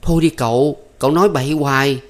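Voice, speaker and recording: A man's voice: medium pitch, moderate pace, darkish tone, voice pushed up, lightly acted. A man reading a story aloud, voicing a shy, anxious young servant girl. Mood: protesting. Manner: pleading, flustered, coy protests. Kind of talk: audiobook character voice.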